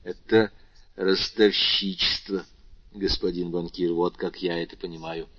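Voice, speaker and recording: A cool, phlegmatic bandit chief speaks with calm, dry irony, as a male audiobook reader puts him on. His voice is low, and the recording is dry and a bit dull. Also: slightly rough, dry recording, full character voice. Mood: deadpan. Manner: unhurried, deadpan. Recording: slightly muffled dry recording.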